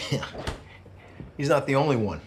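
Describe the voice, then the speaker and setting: An actor as a blunt dad with swooping intonation. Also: male voice, mid-range voice, expressive, measured pace, background noise, natural voice. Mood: confused, stern. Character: blunt, awkward, stern but caring father. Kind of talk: television drama acting.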